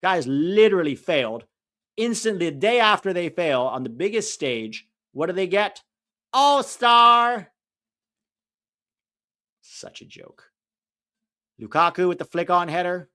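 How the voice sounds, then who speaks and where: With a high-sitting, sharp voice and lively intonation, a man co-hosts a live soccer watch-along, chatting and commenting casually on the match. He's blunt and opinionated, quick to vent frustration, and his mixed accent is hard to place.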